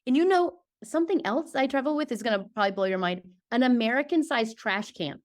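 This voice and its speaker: Woman, high voice, emphatic, casual interview chat, video call. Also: fairly quick. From Georgia, US. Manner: emphatic, lively, keeps checking in with "okay?". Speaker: podcast guest.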